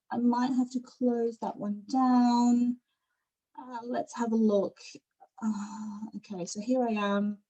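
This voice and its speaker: On a video call, a middle-aged Australian woman gives an informal, candid personal presentation in a conversational tone as a panel speaker at an online forum. Her voice is fairly high, and the audio is poor.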